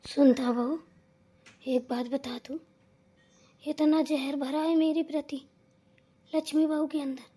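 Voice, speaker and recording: A woman voicing a sharp-tongued old mother-in-law in a cartoon comedy, scolding and complaining in rustic turns of phrase. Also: high voice, flat delivery, measured pace, pauses often. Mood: hurt.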